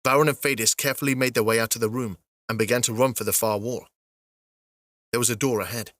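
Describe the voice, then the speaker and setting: A male audiobook narrator reads an epic fantasy in a steady, even storytelling voice. His pitch sits in a middle range, and the recording is dry and close with no room sound. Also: fast, dry recording.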